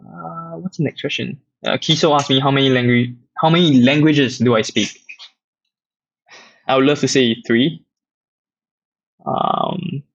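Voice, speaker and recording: A Singaporean man with a gravelly, mid-range voice hosts a casual livestream Q&A for an app community. He reads questions aloud and answers in a relaxed, rambling way full of fillers, on dull, dry lo-fi audio.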